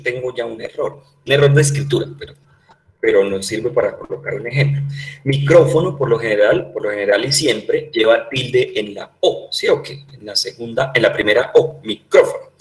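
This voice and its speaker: A man's voice: mid-range voice, moderate pace, reverberant, rough recording. A man with a Colombian Spanish accent teaching a class online, patiently repeating points and checking that his students understand.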